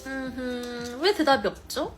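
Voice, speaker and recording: A woman's voice: sits high, music in the background. Bubbly young woman chatting live. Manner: mixes Korean and halting English, playful and bubbly. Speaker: live stream host. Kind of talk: casual live chat with viewers.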